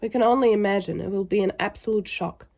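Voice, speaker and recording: Woman doing vlog voiceover, croaky creaky voice like shes been sick, tired n fed up. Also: medium pitch, quick pace, darkish tone. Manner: frustrated, weary. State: under the weather. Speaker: vlog narrator. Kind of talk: scripted vlog narration.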